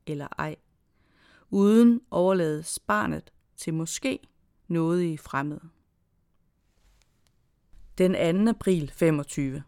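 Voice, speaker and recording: A reader giving a slow, measured literary reading of dated diary entries and a short story, in short phrases with pauses. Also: medium pitch, gravelly, a little mellow, clean tone, dry recording, clean studio sound. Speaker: reader of own prose.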